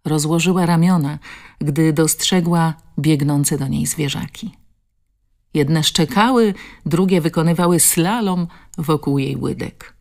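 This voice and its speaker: A woman narrating an audiobook in a measured, expressive reading. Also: low-pitched. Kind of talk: scripted narration.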